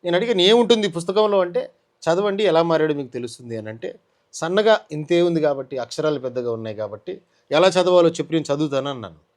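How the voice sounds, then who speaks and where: With a slightly high voice and a quick pace, a man with a Telugu accent shares an emotional testimony in an interview. His storytelling is animated, and he acts out what others said.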